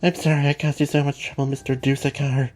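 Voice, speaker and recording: Guy doing a higher whiny kid villain, sorry for everything, bit loud. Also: little pitch movement, quick pace, lightly acted. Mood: remorseful. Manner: apologetic, self-pitying pleading. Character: remorseful young male villain, whiny.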